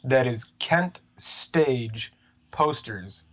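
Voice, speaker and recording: A male podcast co-host speaking at a middle pitch over a remote connection. His chat is easygoing. He slows down to spell out details plainly. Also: lively intonation, low-quality recording. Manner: spells out a web address slowly and plainly. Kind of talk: casual sports podcast chat. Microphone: remote podcast mic over the internet.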